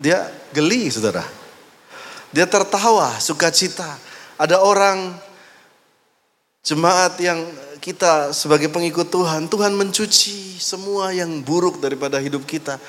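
A man's voice: on the high side, normal speed. Playful male pastor in an echoey hall. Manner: lively, playful, acts out reactions. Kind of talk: sermon narrating a live skit. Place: church hall. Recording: echoey hall with faint noise.

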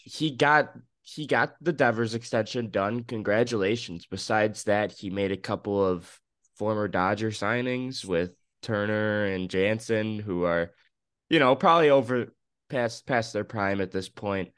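A young man co-hosting a casual sports podcast, excited and opinionated, in his morning voice. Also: on the low side, unhurried, dry recording, studio quality. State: just woken up, morning voice. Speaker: podcast co-host.

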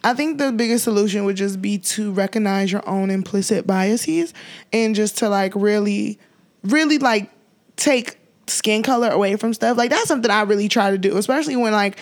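A woman's voice: mid-range voice, moderate pace. A young woman from Portugal chatting candidly, leaning on "you know what I'm saying". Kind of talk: casual chat.

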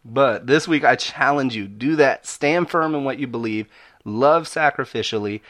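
Casting: male podcast host, American accent, medium pitch, casual but emphatic and preacherly, punches short repeated phrases. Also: moderate pace, fairly bright tone.

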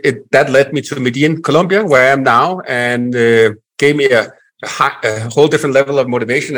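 A man in his forties from Denmark with a Danish accent, a guest telling his life story in a relaxed interview, with many pauses and restarts. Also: medium pitch. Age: 40s. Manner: frequent fillers and restarts, reflective.

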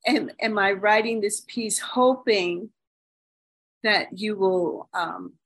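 A woman's voice: medium pitch, slow, a bit bright, low-quality recording. A woman playwright, a guest in a casual discussion, who asks pointed, provocative questions.

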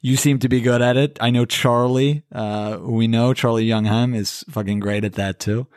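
Animated casual podcast host. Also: male voice, mid-range voice, normal speed, dry recording, clean studio sound.

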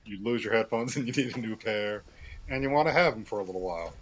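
A man's voice: fairly low pitch, quick pace. An American man chatting casually on a podcast with hesitant, dry understatement. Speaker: podcast guest or returning crew member. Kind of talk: casual chat.

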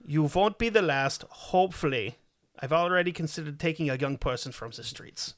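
A man's voice: on the high side, lively intonation, moderate pace, fairly bright tone. A man voicing a grim cannibal in a put-on German accent, reading out his messages in a cold, matter-of-fact way.

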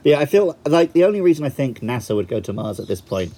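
Husky-voiced male co-host, dry and matter-of-fact, casual conversational tone. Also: mid-range voice, big pitch swings, fast, dark tone. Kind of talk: casual chat about a film.

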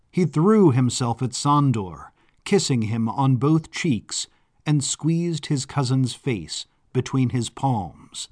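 A man giving a scripted audiobook narration in a measured, expressive storytelling manner. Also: mid-range voice. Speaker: narrator and author.

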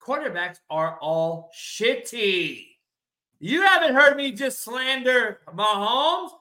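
A man hosting a casual sports debate, loud, opinionated and ribbing, blunt and profane, repeating his points for emphasis. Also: very high-pitched, very animated, takes it slowly. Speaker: sports talk show host.

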